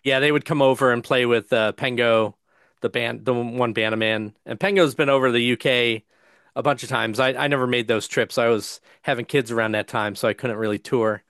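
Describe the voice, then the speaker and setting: An American man hosting a casual interview, asking halting questions with fillers. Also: mid-range voice, steady tone, a bit bright, no echo, clean studio sound. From United States.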